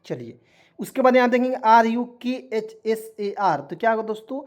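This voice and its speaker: A man's voice: high-pitched, lively intonation, moderate pace. Patient man spelling words letter by letter. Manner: repetitive, keeps checking in with viewers. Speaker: online teacher. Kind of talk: spoken lesson, spelling out words.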